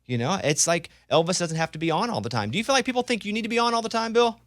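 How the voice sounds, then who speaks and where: Fast-talking, high-voiced radio host. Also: male voice, no echo, clean studio sound. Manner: joking, energetic, quick banter. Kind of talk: casual radio interview.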